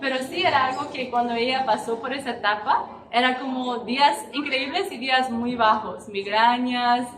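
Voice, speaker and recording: Young woman preaching, high voice, chatty and emotional, lots of "right?", echoey hall, kind of far from the mic. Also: normal speed, a bit bright. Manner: chatty, emotional, frequent tag questions. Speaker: preacher at a women's gathering. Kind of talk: informal sermon. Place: church hall. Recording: echoey church hall, distant mic, background noise.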